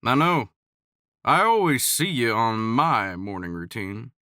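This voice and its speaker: A man's voice: medium pitch, very animated, takes it slowly, sharp tone, dry recording, studio quality, exaggerated voice. A man doing a playful, charming cowboy. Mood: teasing.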